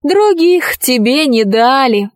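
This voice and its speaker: A woman reading the part of a friendly female ghost in a storybook, with a light, gently wry voice. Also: high-pitched, very animated, slow, no echo, studio quality, exaggerated voice.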